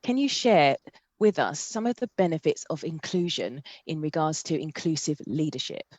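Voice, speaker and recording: A woman's voice: low-pitched, expressive, normal speed, a little mellow, no echo. A woman co-hosting an online panel, introducing a guest and asking her a question over a video call. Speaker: co-host. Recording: dull, dry video call audio.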